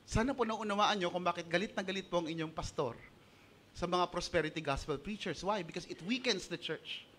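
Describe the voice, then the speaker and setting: A man with a Filipino accent preaching a sermon as pastor, animated and switching between Tagalog and English, acting out the voices he quotes. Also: high voice, a little fast.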